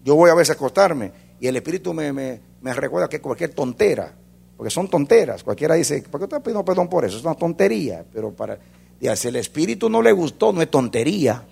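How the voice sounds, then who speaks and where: A man preaching a sermon as a pastor, swinging between loud fervor and hushed intensity. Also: fairly high pitch, very animated, brisk, vocal fry, slightly rough.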